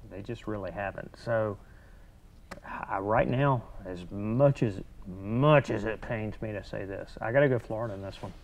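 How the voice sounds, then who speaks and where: A man's voice: lowish voice, moderate pace, gravelly. A man on a sports talk panel, emphatic and reluctant as he gives his picks.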